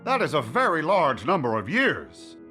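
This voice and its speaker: A man playing an eccentric, curious, childlike scientist in a video game, speaking precisely and with deliberate wonder. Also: on the high side, wildly swooping pitch, sharp tone, faint music behind, exaggerated voice. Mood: delighted wonder. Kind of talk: video game character acting.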